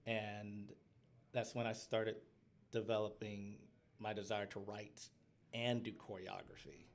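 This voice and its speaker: A man's voice: fairly low pitch, level tone, slow pace, vocal fry. A man guesting on a podcast, talking candidly in casual chat, often laughing and acting out quotes.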